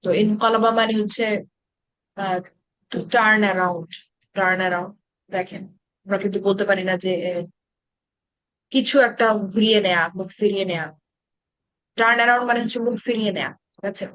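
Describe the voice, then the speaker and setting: A woman's voice: mid-range voice, steady tone, moderate pace, pauses often, fairly bright tone, no room sound. Patient woman teaching, dry close sound. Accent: Bangladeshi Bengali. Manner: explains patiently, asks students questions. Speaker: Arabic grammar teacher. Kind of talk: online class teaching.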